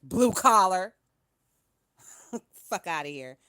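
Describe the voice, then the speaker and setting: A woman's voice: fairly low pitch, animated, slow, smooth. Brash, profane woman gossiping on a livestream. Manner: brash, profane, laughs often, swings from loud to hushed. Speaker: livestream host reading viewer chat. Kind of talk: casual profane gossip commentary.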